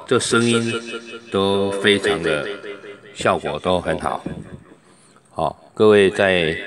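Deep-voiced male seller, rambling chatty demo that keeps testing mics aloud. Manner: loose, chatty, fills pauses with drawn-out "oh"; tests each mic by calling into it. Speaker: microphone seller. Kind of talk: product demonstration.

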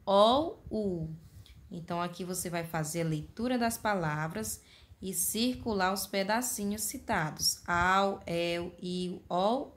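A Brazilian Portuguese woman teaching young children, drawing out each word slowly and calling them her loves. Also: medium pitch, fairly bright tone. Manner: affectionate, drawn-out word modeling, calls pupils "meus amores". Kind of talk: slow, sing-song children's lesson. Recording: echoey room with long reverb.

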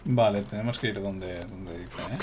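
A man's voice: fairly low pitch, steady tone, moderate pace, heavy background noise. A man from gives chatty, exclamatory commentary while playing a video game and talking to his viewers. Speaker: gameplay streamer. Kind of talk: casual gameplay commentary.

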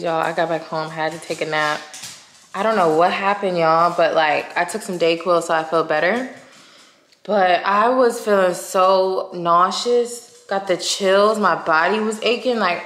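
A woman's voice: fairly low pitch, normal speed, a bit bright. Young woman vlogging in an echoey room. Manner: chatty, slangy, talks straight to viewers. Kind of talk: casual chatty vlog.

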